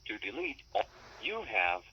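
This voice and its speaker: A man's voice: lowish voice, very animated, measured pace, dull audio, a little hiss or hum. A synthetic male voice giving clipped, automated prompts from the speaker of a landline answering machine.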